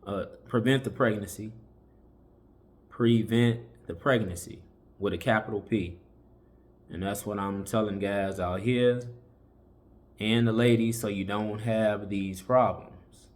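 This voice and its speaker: Male host, low-pitched, lecturing viewers in a relaxed, repetitive way. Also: unhurried. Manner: preachy, conversational, repeats warnings with many fillers. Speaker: commentary channel host. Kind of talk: casual opinion commentary.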